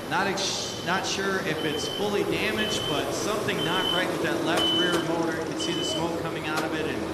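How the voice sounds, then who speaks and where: Male tractor pull announcer, live motorsport commentary, very echoey outdoor speakers, loud engine noise behind. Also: fairly high pitch, far from the mic. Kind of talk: live motorsport commentary over a public address. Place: outdoor fairground pulling track. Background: engines and vehicle noise.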